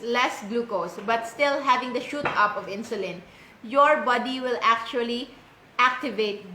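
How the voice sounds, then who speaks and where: A woman's voice: a little high, fairly bright tone, slight background noise. A Filipino woman physician giving a live health lecture from home, explaining step by step and repeating key terms for emphasis. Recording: echoey room.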